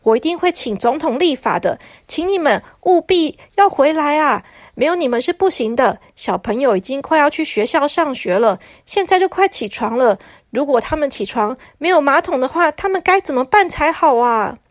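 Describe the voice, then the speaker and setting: A woman's voice: high voice, expressive, moderate pace, hardly any pauses, no echo, clean studio sound. A woman doing a frantic, pleading envoy. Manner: pleading, eager to please. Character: anxious pleading envoy of the president.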